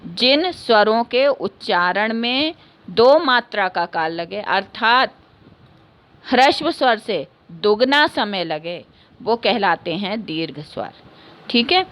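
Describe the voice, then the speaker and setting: A woman's voice: mid-range voice, lively intonation, takes it slowly, a bit bright. A woman, a teacher explaining a lesson patiently, repeating key points and answering her own questions. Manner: ends points with a checking "okay". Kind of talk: classroom lesson.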